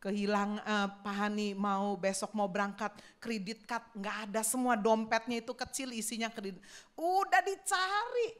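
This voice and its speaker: A middle-aged woman pastor, preaching a sermon through lively storytelling and often speaking straight to her congregation. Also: mid-range voice, moderate pace.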